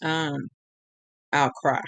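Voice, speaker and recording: A woman's voice: low-pitched, steady tone, extremely slow, creaky, fairly bright tone, no echo. Tearful, frustrated woman ranting live. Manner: rambling, frustrated, holding back tears, many restarts. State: close to tears. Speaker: vlogger on a live stream. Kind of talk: emotional live-stream rant.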